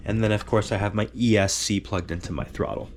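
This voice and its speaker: A congested hobbyist with a cold, his voice nasal and stuffed-up, demonstrates a radio setup step by step like a casual tutorial, often checking in with "okay?". He speaks on the low side, briskly and with fairly even intonation, recorded by a camera on a handheld tripod with slight background noise.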